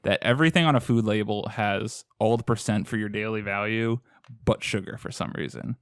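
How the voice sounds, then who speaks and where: A Boston-area man co-hosts a podcast, chatting casually with friends, swearing freely and tossing in quick asides. His voice is lowish with a clean tone, recorded in clean studio sound with no echo.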